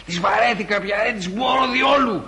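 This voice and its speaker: A maudlin drunk old painter. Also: male voice, on the high side, expressive, slightly rough. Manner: slurring, maudlin and wheedling. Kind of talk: radio drama acting.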